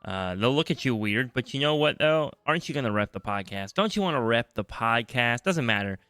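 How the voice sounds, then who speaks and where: A man's voice: mid-range voice, animated, brisk, fairly bright tone, clean tone, dry recording. A man with a Northeastern US accent, hosting a casual gaming podcast with a groggy just-woken voice, joking and rambling and repeating himself. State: groggy morning voice. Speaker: podcast host. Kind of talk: casual chat.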